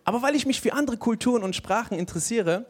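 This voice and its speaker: High-voiced young comedian on a stage. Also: male voice, expressive, fast, a little hiss or hum. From Palestinian. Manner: casual slangy storytelling, acts out voices. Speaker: stand-up comedian. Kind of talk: stand-up comedy set. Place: stage before a live audience. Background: audience laughter.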